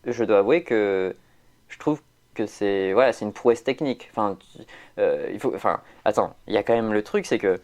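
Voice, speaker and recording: A man's voice: on the low side, animated, moderate pace, a little mellow. A man chatting casually on a podcast, rambling with many fillers and restarts. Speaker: podcast host.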